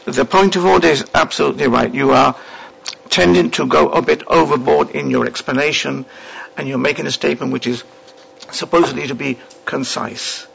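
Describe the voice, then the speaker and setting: A man presiding over a parliamentary debate, with a gravelly, creaky voice and a halting, formal, admonishing manner. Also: a little high, fairly bright tone. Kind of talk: procedural chairing of debate. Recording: dull, band-limited chamber audio.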